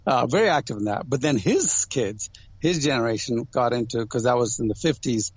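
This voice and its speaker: As a guest in a conversational interview, he tells personal stories to explain his points, drawing on growing up in an Indian family in Ghana and elsewhere abroad. His mid-range, darkish voice has a breathy edge, in a dry, lo-fi recording.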